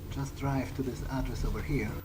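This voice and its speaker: Fairly quick and steady in tone, this medium-pitched man speaks against background noise and video game ambience. As a let's player in character, he improvises a hesitant, repetitive monologue as a brooding young male vampire consumed by guilt.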